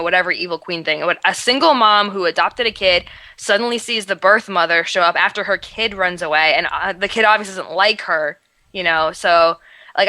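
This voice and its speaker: A woman's voice: medium pitch, bright, forceful tone, no room sound. A woman co-hosting a casual podcast recap, talking in long rambling runs full of "like". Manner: rambling, heavy use of "like". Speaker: podcast co-host. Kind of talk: casual chat recapping a TV episode.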